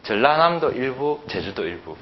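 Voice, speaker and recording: A middle-aged man lectures in a Gyeongsang Korean accent, his pitch swinging up and down as he drives his points home. He keeps firing rhetorical questions at the class. The recording is dull and muffled, with a faint hiss underneath. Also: normal speed. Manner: animated, peppers talk with rhetorical questions. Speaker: language teacher.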